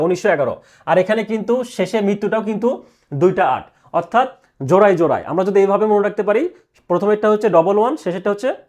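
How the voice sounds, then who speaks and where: Man, high voice, exam prep teacher, repeats answers slowly, quizzes himself. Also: darkish tone. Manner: repeats answers slowly, asks and answers own questions.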